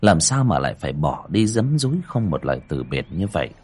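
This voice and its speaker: A man's voice: low-pitched, big pitch swings, brisk, a little mellow, breathy edge. A man narrating a horror story with dramatic storytelling. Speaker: audiobook narrator.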